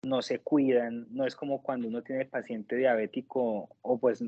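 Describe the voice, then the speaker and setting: A man from Colombia, giving a conversational testimonial and pausing to search for his words. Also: mid-range voice, level tone, slightly rough, no echo, phone-quality sound. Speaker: nurse working in the United States, interviewee.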